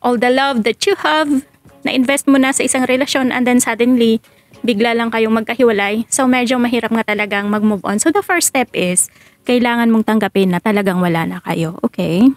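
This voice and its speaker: Woman chatting advice to her viewers, high voice, keeps asking "right?" and laughing, dry sound. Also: a little fast, no room sound, faint music behind. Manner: mixes Tagalog and English, asks rhetorical questions; laughs between points. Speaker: relationship advice vlogger. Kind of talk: casual advice talk to viewers.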